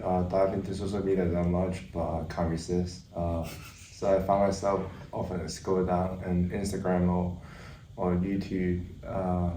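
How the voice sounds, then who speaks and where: A young man from Hong Kong, a student guest who talks hesitantly, pausing and restarting often. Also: low voice, dark tone, slight background noise. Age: young adult. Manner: hesitant, many fillers and restarts. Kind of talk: casual chat. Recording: echoey room, distant mic, faint ambience.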